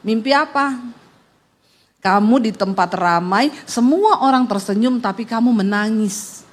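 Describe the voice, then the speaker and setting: A woman's voice: fairly high pitch, lively intonation, unhurried. A woman preacher voicing a formerly stingy, harsh husband who now coaxes his wife to come home. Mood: coaxing. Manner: coaxing, tender. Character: stingy harsh middle-aged husband, newly repentant.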